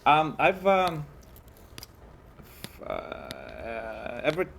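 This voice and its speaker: A young man with a Russian accent chats as an interview guest, halting and full of fillers and restarts. He keeps joking as he talks. A faint background hum sits under his voice. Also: mid-range voice, wildly swooping pitch, vocal fry, fairly bright tone. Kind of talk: casual interview chat.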